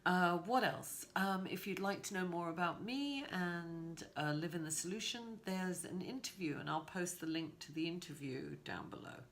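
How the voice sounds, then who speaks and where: A low-voiced woman, raspy and hoarse with a cold, gives a tarot reading. She talks casually and wanders into informal asides. There is some faint noise in the recording. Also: moderate pace, hardly any pauses. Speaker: tarot reader giving a weekly horoscope reading.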